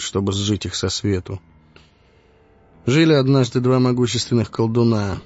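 Man doing a confident storytelling wizard, lowish voice, muffled lo-fi sound, faint music. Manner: calm, storytelling, commanding when angry. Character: charming wandering male wizard, calm and confident. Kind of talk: audiobook narration. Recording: dull lo-fi audio with music.

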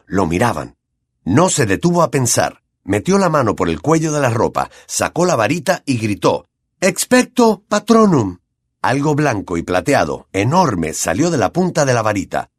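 A man with a Latin American Spanish accent reads an audiobook with lively, swinging intonation at a middle pitch. His voice is husky, and the recording is close and dry. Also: dry recording. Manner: expressive, animated reading. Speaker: audiobook narrator. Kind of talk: audiobook narration.

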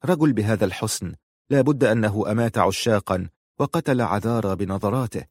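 A man narrating a novel in a measured, emotive way. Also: lowish voice, a little mellow, breathy edge, no echo, clean studio sound. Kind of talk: audiobook narration.

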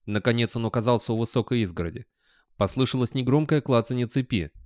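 A man narrating an audiobook in a measured, expressive reading. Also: mid-range voice, no echo, studio quality. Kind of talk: scripted narration.

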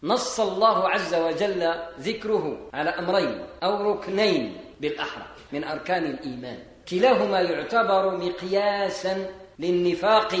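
Moroccan preacher in a booming echoey hall. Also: male voice. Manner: explanatory, mixing formal speech with dialect, emphatic rises. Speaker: Islamic preacher. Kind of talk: sermon explaining scripture. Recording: echoey hall with long reverb.

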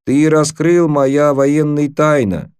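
A man voicing a cheerful boy who speaks slow, halting, broken Russian. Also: fairly high pitch, steady tone, darkish tone, clear, resonant tone, voice pushed up.

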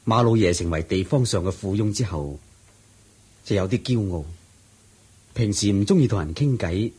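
An actor voices a devoted disciple for a 1980s-style radio play, earnestly and respectfully explaining at great length. His lowish voice is animated and a little mellow with a breathy edge, delivered at normal speed.

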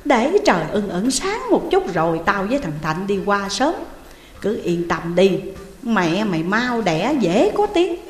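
A woman voicing a gruff, reluctant older male village healer, scolding and dismissive. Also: medium pitch, sing-song, a little slow. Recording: roomy reverberant room, faint music.

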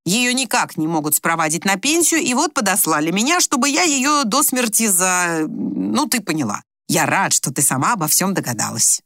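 A woman's voice: mid-range voice, sing-song, moderate pace, hardly any pauses, a bit bright, dry recording. A woman reading an audiobook, voicing a dry-joking male doctor husband who talks to his wife steadily and reassuringly. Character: wry, teasing male doctor husband, patient and calm.

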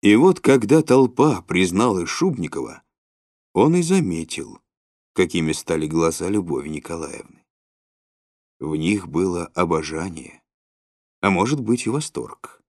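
A man narrating a literary audiobook in an expressive way, with sudden rises and drops. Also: low voice, a little slow, long pauses, no echo, studio quality. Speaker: audiobook reader.

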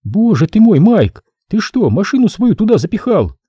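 A chipper, chatty female evidence worker, as a male narrator raises his voice for her. She talks briskly and pushes her point with cheerful insistence. The voice sits high above the reader's own, husky and dark in a dry booth. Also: sing-song, no room sound, heavily acted. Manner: brisk, talkative, cheerfully pushy. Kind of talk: audiobook character voice.

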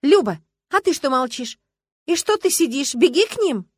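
In an audiobook, a woman reads as a jealous, sharp-tongued wife, snapping in a high, lively voice. Dry, close sound. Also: normal speed, no echo. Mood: jealous, snappy. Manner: snappy, scornful. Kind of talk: audiobook character reading.

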